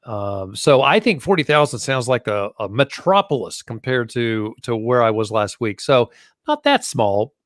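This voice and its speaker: A man's voice: medium pitch, expressive, normal speed, no room sound, studio quality. A man hosting a casual interview podcast, chatty and jokey, with a self-deprecating streak. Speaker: host.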